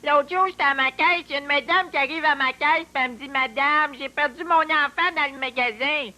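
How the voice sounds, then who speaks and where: A woman's voice: high-pitched, a little fast, pushed and bright, faint music behind. A woman playing a chatty store cashier telling an anecdote in a parody advert. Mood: blithe.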